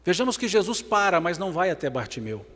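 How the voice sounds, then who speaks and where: A man with a Brazilian Portuguese accent delivers a religious lecture in a slightly high voice. He pushes emphatic lines loud and drops others to a hush. His voice rings through the long reverb of a large hall. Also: sing-song, quick pace. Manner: emphatic, swinging between loud and hushed passages. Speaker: spiritist lecturer.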